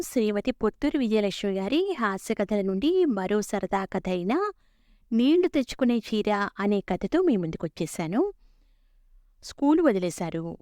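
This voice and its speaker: A woman with a somewhat high, clear and resonant voice reads a humorous story aloud, voicing the characters' lines with life. The sound is close and dry, with no room echo. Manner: lively storytelling with voiced dialogue.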